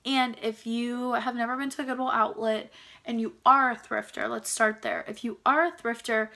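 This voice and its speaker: A young woman talks in a bubbly, excitable vlog, her voice still hoarse and crackly from being sick. It sits fairly high, with a gravelly fry and a bright, sharp edge. She fills her chatter with "like" and rushes into each new thought. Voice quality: squeaky, crackly voice. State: hoarse, recovering from illness. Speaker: thrift reseller vlogger.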